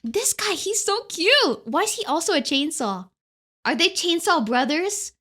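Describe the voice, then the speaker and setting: A woman VTuber giving excited, casual reaction commentary, exclamatory and easily amazed. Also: very high voice, measured pace. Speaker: VTuber reacting to anime openings. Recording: music playing behind the voice. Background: anime theme songs.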